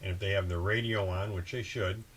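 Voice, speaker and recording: A man with a low voice, speaking a little fast, hosts a boating channel video and walks through procedures in a casual, conversational way, including example radio calls. There's clear, steady ambient noise in the background.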